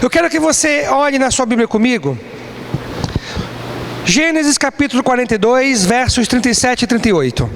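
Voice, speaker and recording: High-voiced man teaching a Bible class. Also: expressive, normal speed, creaky. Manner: asks the class rhetorical questions and answers them himself. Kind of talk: classroom lecture. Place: church classroom. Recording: long reverb, faint background noise.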